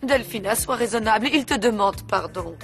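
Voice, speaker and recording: A woman's voice: medium pitch, animated, moderate pace, soft background music, close to an everyday voice. An actress dubbing a fussy, doting mother in a French telenovela dub, fond and coaxing. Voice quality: doting, fussing.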